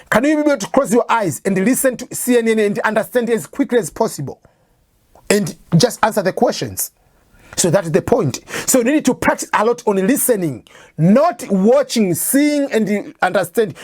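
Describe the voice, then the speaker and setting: This East African teacher, whose first language is Swahili and who speaks with an East African accent, lectures informally on preparing for English tests, circling back to her points with examples. Her voice is on the high side and darkish, captured dry at studio quality.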